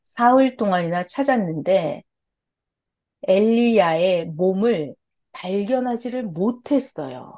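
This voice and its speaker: Speaking slowly in a mid-range voice, a woman preacher recounts a Bible story during a sermon and gives the characters' lines lively voices. It's a dull, lo-fi recording.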